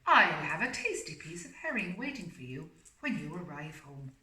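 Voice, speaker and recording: A woman voicing a brisk, cheerful old wife in a read-aloud storybook, speaking emphatically and properly. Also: fairly low pitch, sing-song, pushed and bright. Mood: emphatic. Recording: echoey room, far from mic.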